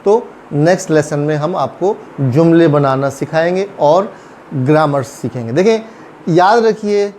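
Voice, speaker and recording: A man with a Pakistani Urdu accent teaches a language lesson at an unhurried pace, repeating each word again and again. His voice sits fairly high but sounds mellow and soft-edged. A faint room hum stays under it. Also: animated. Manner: slow, repeats words over and over for drill.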